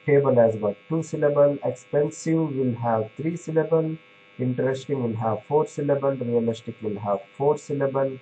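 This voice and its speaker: A man's voice: mid-range voice, normal speed, mellow, muffled recording, a little hiss or hum. A man giving a classroom lecture on pharmacy, explaining step by step with many fillers and restarts, checking in with "right?".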